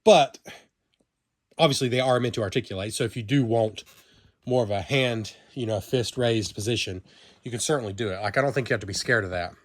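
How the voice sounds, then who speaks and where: A man's voice: mid-range voice, a little fast. A man from the American South with a Southern accent, casually reviewing a vinyl toy in a rambling, chatty way full of fillers and self-corrections. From Southern United States. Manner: talks to himself while handling the toy.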